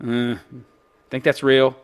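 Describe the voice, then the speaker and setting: A man's voice: medium pitch, little pitch movement, slow, clean tone. A man hosting an opinion commentary show, reading out news and mocking it in a brash, coarse-mouthed, exaggerated way. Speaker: host of a commentary channel.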